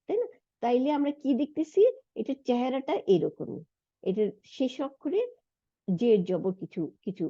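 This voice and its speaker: A woman teaches a grammar lesson at a patient pace, checking in with her listeners. Her voice is high and warm, with a slightly breathy edge. The sound is close and dry, slightly dull. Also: dry recording. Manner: patient, asks and answers her own questions. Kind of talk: explanatory lesson.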